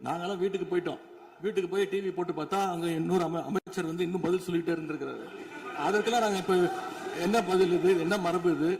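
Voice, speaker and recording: A man's voice: high voice, quick pace, a little mellow. A man speaking as an opposition legislator in an assembly chamber. He talks combatively, demanding proof and firing rhetorical questions. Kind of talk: political speech in a legislative assembly. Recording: long reverb of a large chamber.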